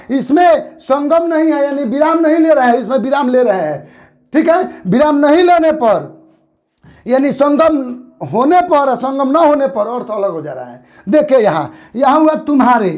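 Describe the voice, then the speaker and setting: High-voiced teacher drawing words out. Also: male voice, sing-song, darkish tone, highs cut off. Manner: repeats words slowly to show pauses. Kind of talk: grammar lesson.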